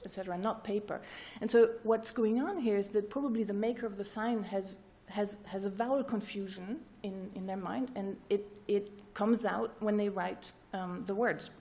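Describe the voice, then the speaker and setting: Speaking in a dark-toned, mid-range voice, a female researcher presents at a workshop to listeners in a lecture room. Her academic talk proceeds one step at a time, punctuated by repeated "right?" and "okay?" check-ins.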